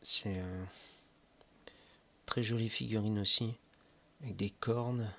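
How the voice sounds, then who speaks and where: A man describing board game miniatures in a slow, hesitant casual commentary full of fillers. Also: on the low side, steady tone, vocal fry, bright, forceful tone. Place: indoors at home near board games.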